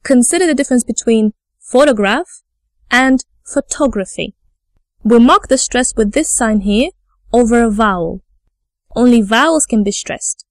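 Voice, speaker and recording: A woman who teaches Russian as her first language, explaining reading rules patiently and pronouncing each sound clearly for learners to repeat. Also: on the high side, normal speed, dry recording, clean studio sound. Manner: patient, enunciates carefully, models sounds for repetition. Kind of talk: slow, clear teaching narration.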